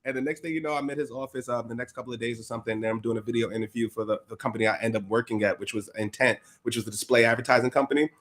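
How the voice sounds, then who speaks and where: A man telling his career story as a guest in a casual interview, slangy and lively, acting out what people said and laughing often. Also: medium pitch, rapid-fire, hardly any pauses. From USA.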